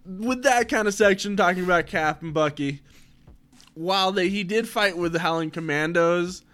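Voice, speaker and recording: Young male co-host, a touch high, relaxed banter with wry jokes. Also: moderate pace. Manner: joking, chuckling asides. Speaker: podcast co-host. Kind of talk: casual chat.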